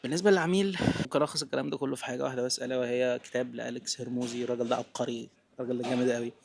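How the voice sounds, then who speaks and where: Talking very fast and unscripted, a young Egyptian man in his 20s offers business advice in a vlog, addressing the listener like a friend and slipping English words into Egyptian speech. His medium-pitched voice has fairly even intonation and vocal fry, with a little hiss or hum.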